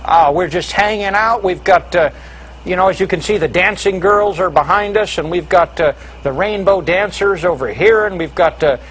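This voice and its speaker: A man hosting a comedy call-in chat, insulting callers in a deadpan way. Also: sits high, normal speed, a little hiss or hum. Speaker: comedian host.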